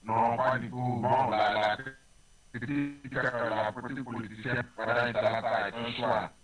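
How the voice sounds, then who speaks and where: Over a rough phone recording, a man from Benin with a Beninese French accent answers interview questions as a ruling-party politician. His mid-range, fairly bright voice keeps a level tone at a slightly slow pace, earnest and rhetorical, leaning on repeated phrases for weight.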